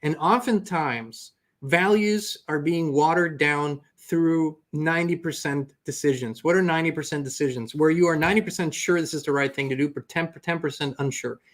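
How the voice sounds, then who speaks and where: A man's voice: on the high side, normal speed, few pauses. A man hosting an earnest, reflective spiritual motivational talk. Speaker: host.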